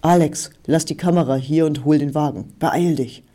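A man's voice: on the high side, moderate pace, warm tone, natural voice. A man reading the part of a female TV reporter who speaks formally to the camera. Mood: urgent. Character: composed adult female TV reporter at a crash site.

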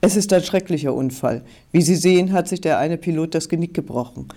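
A man with a fairly high, slightly fast, mellow voice reads the part of a composed adult female TV reporter at a crash site. She addresses the camera formally in a reporting mood.

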